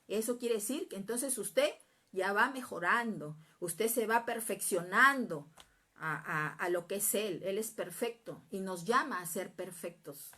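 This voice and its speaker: A woman's voice: on the high side, a bit bright. Earnest woman teaching the Bible. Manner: earnest, repetitive, asks "¿Mm?" to check listeners; acts out prayers and quoted speech.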